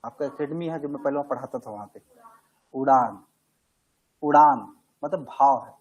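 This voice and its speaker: A man's voice: mid-range voice, moderate pace, darkish tone, lo-fi sound. A man teaching a grammar class, talking conversationally and answering his own questions. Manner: conversational, asks questions and answers them himself.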